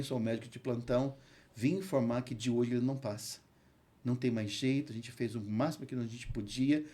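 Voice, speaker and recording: Warm-voiced Brazilian pastor telling a story. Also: male voice, mid-range voice. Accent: Brazilian Portuguese. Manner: earnest storyteller, recites scripture slowly. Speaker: pastor, hospital chaplain. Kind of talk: emotional testimony in a podcast interview.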